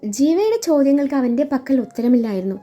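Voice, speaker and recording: A woman's voice: sits high, lively intonation, quick pace, dark tone. A woman storyteller narrating a dramatic story in an emotional, sorrowful way. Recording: dull lo-fi with faint music.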